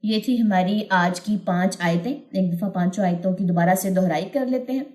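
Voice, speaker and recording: A woman teaching recitation in a recorded lesson, explaining slowly and repeating each word to demonstrate. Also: lowish voice, dark tone. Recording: echoey room.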